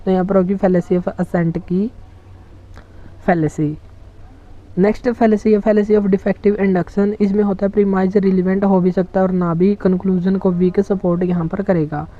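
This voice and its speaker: Flat-voiced exam-prep teacher on a dull recording. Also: mid-range voice. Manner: explains in Hindi with English terms, reads English examples slowly. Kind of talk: online exam-prep lecture.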